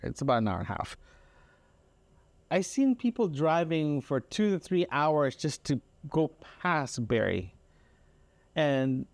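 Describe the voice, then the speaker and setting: A Canadian man hosts a casual audio diary, his fairly high, darkish voice recorded with no echo. He tells everyday stories in a rambling, repetitive way, sounding mildly exasperated and checking in with the listener often.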